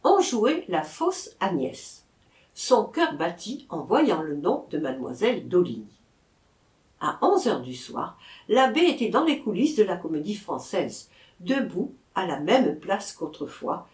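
A woman narrating a classic novel as an audiobook, in an expressive storytelling manner. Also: on the low side, measured pace. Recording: echoey room.

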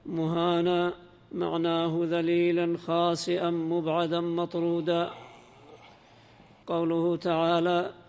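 Clear, flat-voiced man reading in a hall. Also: on the high side. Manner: measured, even recitation. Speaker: reader of the text in a lesson. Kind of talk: reading a classical commentary aloud.

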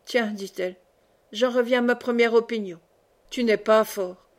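A woman's voice: a little high, little pitch movement, normal speed, lightly acted. A woman reading a shrewd, scornful old mother. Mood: impatient. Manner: mocking, dry.

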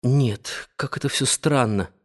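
A man reading the lines of a shy young woman in love, speaking in a timid, halting way. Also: medium pitch, lightly acted. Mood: tearful.

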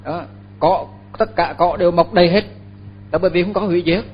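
Older monk. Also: male voice, high-pitched, breathy edge, muffled recording. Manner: unhurried, halting, with many fillers and repeated words. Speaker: Buddhist monk teacher. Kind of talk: dharma talk.

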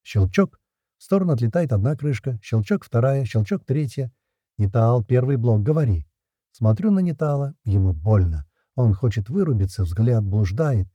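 Husky, dark-voiced male narrator. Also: mid-range voice, no echo, dull audio. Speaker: audiobook narrator. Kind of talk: first-person audiobook narration.

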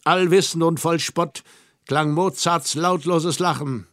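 A man narrating a literary audiobook in a measured, reflective first-person telling. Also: a little high, fairly even intonation, no room sound, studio quality.

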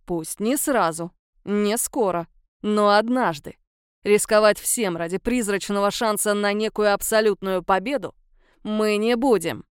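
A woman voicing a stern, uncompromising older woman leader who speaks in firm, measured, clipped phrases. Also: mid-range voice, clean tone, dry recording, studio quality, natural voice.

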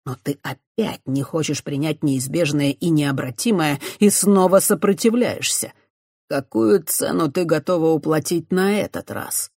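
An audiobook reader voicing a remorseful, torn male priest who speaks low, muted and sorrowful. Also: measured pace, darkish tone, dry recording, studio quality. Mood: stern. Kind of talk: audiobook character voice.

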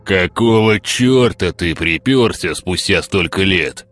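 A man voicing a hoarse, scarred, one-eyed male thug in an audiobook, coarse and swearing. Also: low-pitched, fairly bright tone. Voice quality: hoarse, barely human rasp. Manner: coarse, swearing, slow and heavy. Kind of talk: audiobook character voice.

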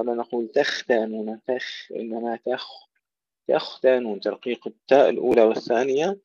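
Man, tajweed teacher, recites and repeats words slowly, precise, muffled dry audio. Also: medium pitch, warm tone, dry recording. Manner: slow and precise, repeats words to contrast right and wrong pronunciation. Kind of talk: tajweed lesson with recited examples. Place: home or small room, steps away to handle a phone.

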